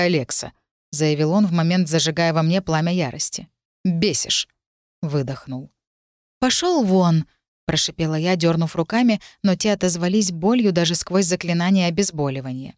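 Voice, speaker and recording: A woman narrating a first-person fantasy audiobook with an expressive reading. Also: lowish voice, no room sound, clean studio sound.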